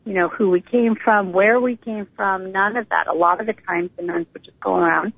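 Telling her life story as a guest in a casual interview, a middle-aged woman from Northern California, United States, speaks a little fast in an informal, conversational manner. Her mid-range voice is gravelly with a breathy edge and fairly even intonation. It comes over a narrow, tinny phone line without room sound.

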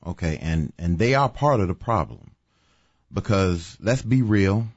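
Man, very low voice, emphatic opinion talk, dry dull recording. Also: unhurried, dry recording. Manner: animated, emphatic, sarcastic asides. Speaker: talk show co-host. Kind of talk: casual opinion chat.

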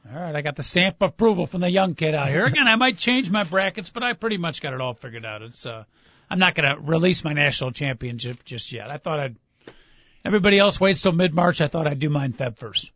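A man's voice: a little high, animated, fast talker, bright, forceful tone, no echo. A man hosting sports talk radio with casual banter, rambling along in a wry, joking way. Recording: dull, band-limited radio audio.

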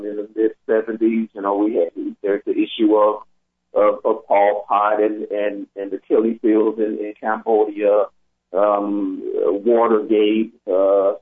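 A middle-aged man, a therapist on a talk broadcast, speaking hesitantly and often repeating his words. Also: medium pitch. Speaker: therapist guest. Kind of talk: casual conversation. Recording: tinny phone line.

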